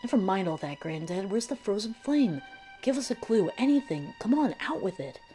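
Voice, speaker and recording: Woman doing a pushy young thief girl, higher and louder than her own voice, game music underneath. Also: normal speed, close to an everyday voice. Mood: impatient. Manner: pushy, demanding. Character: brash impatient young female thief.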